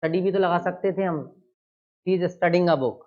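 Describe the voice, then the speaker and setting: A male teacher giving an exam-prep grammar lesson, asking questions and then answering them himself, with key words stressed loudly. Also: sits high, flat delivery, unhurried, muffled recording.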